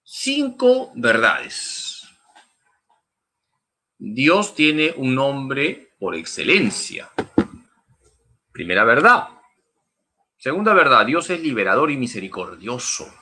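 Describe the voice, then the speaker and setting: Bright-voiced priest teaching slowly. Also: male voice, mid-range voice, wildly swooping pitch. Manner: emphatic and didactic, repeats key points. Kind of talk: Bible teaching talk.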